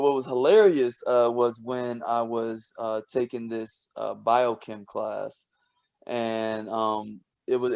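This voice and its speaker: A man co-hosting a casual podcast, telling stories with lots of laughter and restarts, and dropping low and quiet when he quotes himself. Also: vocal fry. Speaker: podcast co-host, scientist. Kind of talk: casual storytelling chat.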